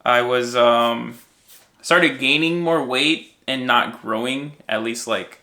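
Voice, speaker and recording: A young man from the United States, raised in Minnesota, takes his time telling his story on a podcast as guest and co-host, casual and self-deprecating as he rambles. His voice is medium-pitched with a sharp tone.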